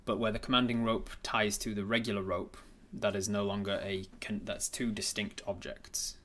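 A man narrating a tabletop game as game master, improvising haltingly and repeating words as he thinks aloud. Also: on the low side, flat delivery, fairly bright tone.

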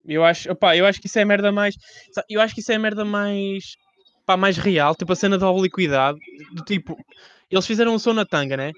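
Fast-talking young Portuguese man, clear voice. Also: high voice, a bit bright, no room sound, dull audio. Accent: European Portuguese. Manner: informal, peppered with slang and swearing. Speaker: podcast host interviewing a rapper. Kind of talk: casual slangy chat.

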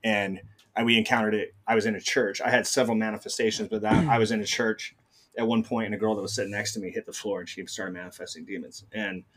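A middle-aged man telling his story as a guest in a casual conversation, talking rapidly with many restarts. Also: on the low side, fairly even intonation, a bit bright.

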